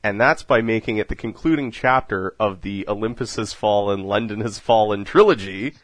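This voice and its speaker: A man's voice: lowish voice, normal speed, dry recording. A man hosting a casual film podcast, joking and laughing often as he talks. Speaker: podcast host.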